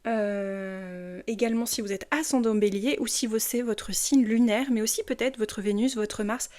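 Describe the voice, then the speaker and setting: A woman's voice: on the high side, fairly even intonation, moderate pace, darkish tone. A woman giving a casual monthly tarot reading. She hesitates and stumbles over her words, with many fillers. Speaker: tarot reader.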